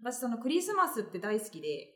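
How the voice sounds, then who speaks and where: High, cute, fast-talking animated woman. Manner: playful, teasing. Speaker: podcast co-host, anime voice actor. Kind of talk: casual banter on a podcast. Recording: roomy, echoey recording.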